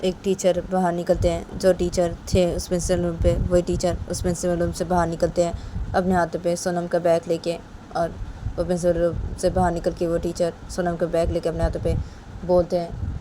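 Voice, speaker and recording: A woman's voice: on the low side, completely flat delivery, normal speed, mellow, a little hiss or hum. A woman casually narrating a story, retelling it plainly and repetitively.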